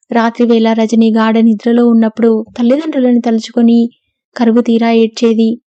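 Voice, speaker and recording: A woman reads a novel aloud in an even, steady storytelling voice. Her tone is mellow and a touch high, with a flat melody. The recording is dry and somewhat lo-fi. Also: no room sound. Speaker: audiobook narrator. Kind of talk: scripted novel narration.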